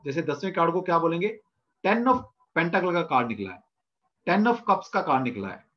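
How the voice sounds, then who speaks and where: A man's voice: high-pitched, fairly bright tone, lo-fi sound. A man teaching tarot in an online class, asking his students questions and answering them himself while repeating the terms. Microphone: video call mic.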